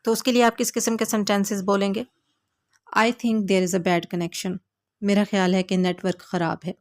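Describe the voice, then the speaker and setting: Lady teacher, drills english lines super slow and clear, mid-pitched voice. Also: darkish tone. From Pakistan. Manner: repeats English phrases very slowly and clearly. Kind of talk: short video language lesson.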